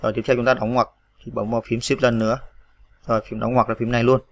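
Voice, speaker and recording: A man's voice: mid-range voice, level tone, quick pace. A man narrating a screen-recorded typing tutorial, patiently spelling out letters one by one with many fillers.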